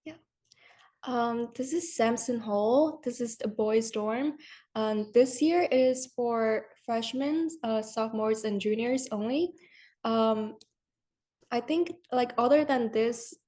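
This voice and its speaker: Young woman from Vietnam, soft mellow voice. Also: on the high side. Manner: hesitant, many "um" and "like". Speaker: student tour guide. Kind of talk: informal campus tour narration.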